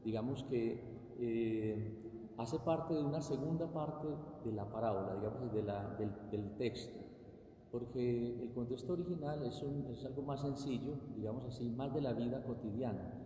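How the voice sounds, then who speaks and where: Very dark-voiced man preaching, echoey. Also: mid-range voice, moderate pace. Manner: hesitant, searching for words. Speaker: priest preaching. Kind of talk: informal homily. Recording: echoey church, distant, noisy.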